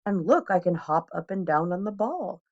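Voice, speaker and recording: A woman's voice: fairly low pitch, expressive, normal speed, dull audio. Showy, playful storybook cat, acted by a woman. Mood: boastful, excited. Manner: showy, coaxing, emphatic. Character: boastful, playful male trickster cat in a hat. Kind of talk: children's storybook read-aloud.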